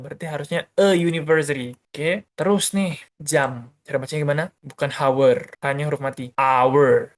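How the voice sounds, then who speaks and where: A male teacher giving a beginner grammar lesson, explaining step by step in a casual, chatty way and asking questions he answers himself. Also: fairly high pitch. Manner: casual and chatty, uses many fillers. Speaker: English teacher.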